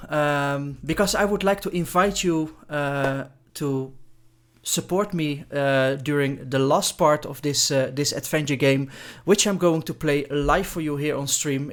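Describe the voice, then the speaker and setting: A man streaming live, commenting on his gameplay in a halting way with many filler sounds. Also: mid-range voice.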